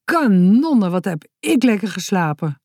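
A woman's voice: lowish voice, big pitch swings, moderate pace, no room sound, studio quality. A woman doing a blunt, scruffy grown man.

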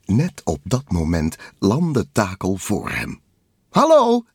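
Low gravelly guy reading a storybook, slow, close dry mic. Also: no room sound. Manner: lively, expressive reading. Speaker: narrator. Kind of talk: storybook read-aloud narration.

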